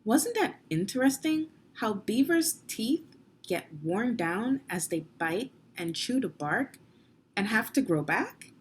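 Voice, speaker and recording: A slightly high-pitched woman reads children's nonfiction aloud in a slow, sing-song voice, with slight background noise in the recording. She serves as a read-along narrator and reading teacher, instructing young listeners and asking guiding questions.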